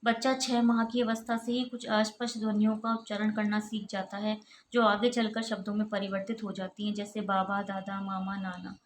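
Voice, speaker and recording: A woman's voice: medium pitch, flat delivery, normal speed. A woman who is an assistant professor, giving a recorded college lecture and going steadily through lists of examples. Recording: echoey room with faint ambient noise.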